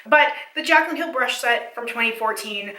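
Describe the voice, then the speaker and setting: A woman giving a casual, analytical video essay commentary, chatty with many fillers, her voice slightly hoarse and cracking. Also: on the high side, normal speed, pushed and bright, echoey room, far from the mic, low-quality recording.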